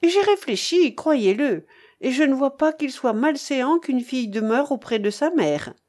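A woman's voice: high voice, very animated, measured pace, darkish tone, pitched above the performer's own voice, heavily acted. A woman reading a devoted, resolute young daughter in an audiobook, speaking earnestly and firmly. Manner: earnest, firm, passionate.

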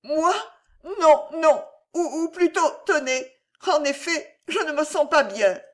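A woman's voice: high voice, lively intonation, slow, pitched above the performer's own voice. Woman doing a panicky young woman. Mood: pleading panicked. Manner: pleading, breathless, panicky. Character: frightened young woman in love. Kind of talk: audiobook character voice.

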